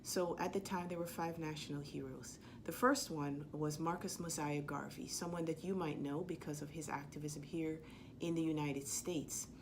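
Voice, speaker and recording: A Jamaican woman with a notably low voice shares a childhood story in an earnest, measured way. She pauses now and then on small fillers. A faint hiss sits under her voice. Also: steady tone. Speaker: sport leadership speaker. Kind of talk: personal storytelling talk.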